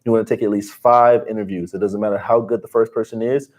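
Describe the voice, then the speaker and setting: A man in his twenties co-hosting a livestream, giving business advice in casual, energetic talk and calling people bro. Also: on the low side, fast talker. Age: 20s. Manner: energetic, slangy, calls listeners bro. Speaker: livestream co-host.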